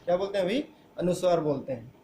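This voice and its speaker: A man's voice: high voice, lively intonation, fast, mellow, reverberant, slight background noise. A man teaching a grammar lesson who asks the class questions and answers them himself. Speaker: school teacher.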